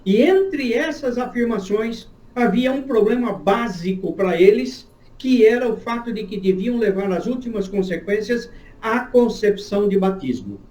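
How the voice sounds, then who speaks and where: A man with a notably high voice gives an emphatic, lecture-like answer as a pastor and church history teacher. His tone is dark and mellow in spite of the pitch. The sound is roomy with clear echo. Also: lively intonation, a little slow. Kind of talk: answering an interview question at length.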